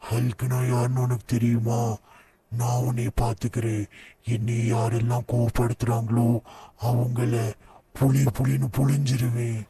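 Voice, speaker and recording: A man voicing a huge, boastful green brute who makes slow, gloating threats in a comic game voice-over. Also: mid-range voice, little pitch movement, mellow, close to an everyday voice. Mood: menacing.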